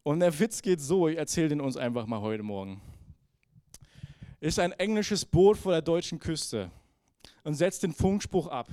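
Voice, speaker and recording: A male pastor preaches in a loose, conversational way, reflecting on his own habits and checking in with the congregation as he goes. His voice is fairly high for a man. The recording is close and dry, with almost no room sound. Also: expressive, moderate pace, pauses often, mellow, no room sound. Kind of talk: sermon.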